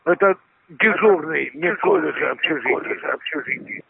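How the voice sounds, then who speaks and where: A man's voice: a little high, normal speed, gravelly, husky, no room sound. A man on duty answering a phone, curt and annoyed. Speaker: duty watchman. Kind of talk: phone conversation. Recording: dry tinny phone line.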